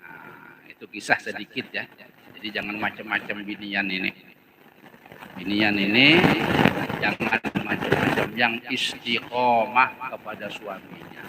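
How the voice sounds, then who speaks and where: A man's voice: lowish voice, flat delivery, a little slow, very noisy. A man with a Banjar Indonesian accent preaching at a religious gathering, telling stories with jokes and often laughing as he acts out the voices. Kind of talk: humorous sermon storytelling. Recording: crowd heard at a live gathering.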